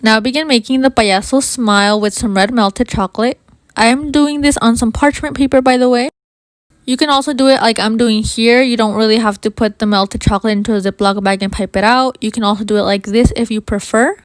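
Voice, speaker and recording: Higher-voiced woman with a slight whistling lisp. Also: steady tone, a little fast, no room sound. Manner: addresses viewers informally as you guys. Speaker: baking video host. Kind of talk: scripted how-to narration, friendly tutorial.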